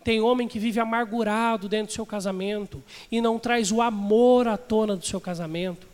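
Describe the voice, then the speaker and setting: Pastor guy preaching, really high voice, keeps asking the crowd stuff, long echo from the church hall. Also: fairly even intonation, moderate pace, a little mellow. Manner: chatty, asks the congregation questions. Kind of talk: sermon.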